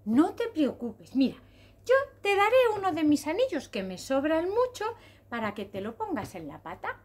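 Woman voicing a calm generous snake. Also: sits high, normal speed. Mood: reassuring.

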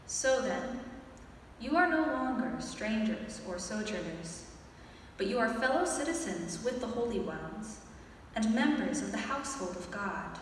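A woman reading scripture aloud as a lector at a pulpit microphone, in a deliberate, formal way. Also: medium pitch. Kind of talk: scripture reading and responsorial psalm. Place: indoor church sanctuary, at the lectern. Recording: echoey church, far from the mic, faint noise.

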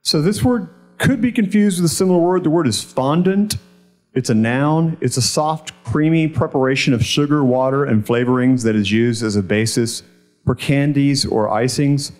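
A man's voice: medium pitch, normal speed, darkish tone. A middle-aged man at a podium microphone, formally reading out words, definitions and sentences with careful enunciation as a spelling bee pronouncer. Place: large indoor event hall. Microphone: podium microphone on a stand.

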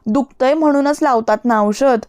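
A woman voicing a calm young man who speaks tenderly and teases a little, in an audiobook love story. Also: high voice, moderate pace, no echo, clean studio sound, close to an everyday voice. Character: caring young man, calm and gentle hero.

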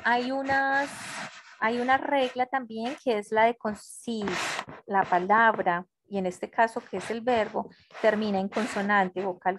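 A woman teaching an English grammar class online, explaining rules slowly and patiently and checking that students follow. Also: a little high, noisy background. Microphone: computer mic on a video call.

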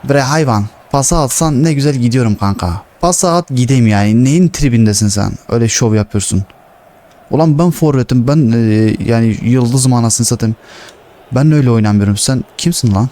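A young man commenting on his own football video game, swearing and shouting at the players. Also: mid-range voice, normal speed. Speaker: gaming streamer.

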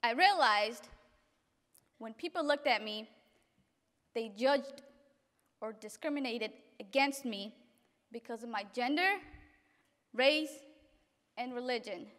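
A young woman from Africa reading a graduation speech at a podium in an event hall, earnest and halting at times. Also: fairly high pitch, a bit bright. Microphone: podium microphone. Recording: reverberant hall.

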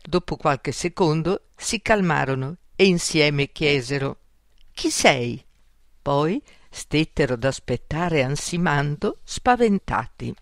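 Woman narrator for a kids' fairy tale audiobook; slow, careful, dry studio. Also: sits low, lively intonation, no echo.

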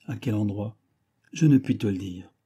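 A man voicing a guilt-ridden young knight, speaking low and grave with a husky voice. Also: normal speed, warm tone. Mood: sorrowful. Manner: low, grave, sorrowful delivery.

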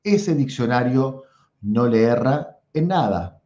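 Animated Rioplatense man teaching philosophy. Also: medium pitch, echoey room, dull audio. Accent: Rioplatense Spanish. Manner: animated, drawn-out emphatic stresses, frequent "¿sí?" and "¿tá?" check-ins. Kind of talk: online lecture.

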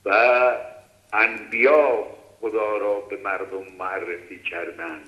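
A man's voice: fairly low pitch, sharp tone. Hesitant male caller on an echoey phone line. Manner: halting, formal, searching for words. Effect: caller heard over a phone line. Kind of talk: asking questions on a religious call-in show.

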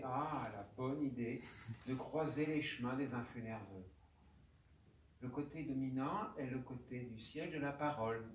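Doctor guy giving a talk, slow halting speech, aphasia, keeps repeating words, echoey room, mic kinda far. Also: mid-range voice, slight background noise. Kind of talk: personal testimony lecture. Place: conference room. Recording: roomy hall, distant mic, faint ambience.

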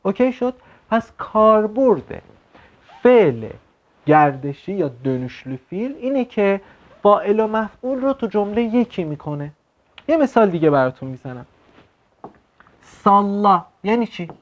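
A man teaching an online language lesson, explaining words slowly and checking in with quick questions. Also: high-pitched, sing-song. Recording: slightly dull lo-fi sound.

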